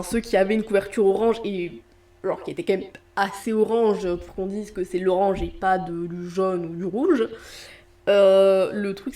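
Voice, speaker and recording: A young woman chats casually into the camera about her reading. Her voice is warm and mellow. She rambles, restarts her sentences and fills the pauses with hesitations. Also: medium pitch. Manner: chatty, hesitant with many fillers and restarts. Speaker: book vlogger. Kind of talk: casual vlog chat. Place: indoor room with street traffic outside.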